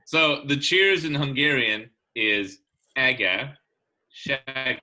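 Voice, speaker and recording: Bright-voiced man on a glitching video call. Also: medium pitch, slow pace, poor audio. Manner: lively, laughs often, loves to tell stories. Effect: glitching, stuttering video call audio. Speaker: wine consultant guest. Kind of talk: casual chat on a video call.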